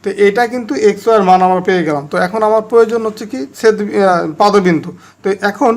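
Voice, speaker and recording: A man's voice: high-pitched, fast talker. A man teaching a math lesson step by step, speaking directly to his students in Bangladeshi Bengali.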